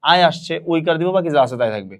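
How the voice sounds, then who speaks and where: A man's voice: fairly high pitch, animated. Man teaching a grammar class, repeating words. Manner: repeats words aloud slowly for students to echo. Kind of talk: online admission-prep grammar lesson.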